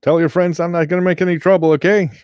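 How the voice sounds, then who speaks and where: A man's voice: high voice, steady tone, fast, darkish tone, clear, resonant tone, dry recording, clean studio sound, voice pushed up, lightly acted. A man voicing a laid-back, streetwise male owlbear who is keen to avoid trouble and talks in easygoing slang. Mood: placating. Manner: slangy, placating.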